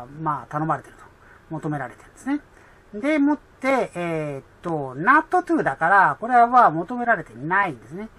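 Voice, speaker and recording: Chatty woman tutoring, husky bright voice. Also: lowish voice. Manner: chatty, many fillers, reads English slowly. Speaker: English exam tutor. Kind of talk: explaining an English reading test.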